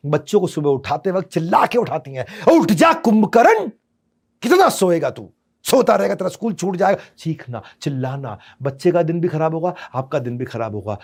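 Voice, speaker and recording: A man's voice: mid-range voice, darkish tone. A man giving a motivational parenting seminar. He speaks theatrically, uses rhyming lines and mixes English into Hindi. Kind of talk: stage seminar talk.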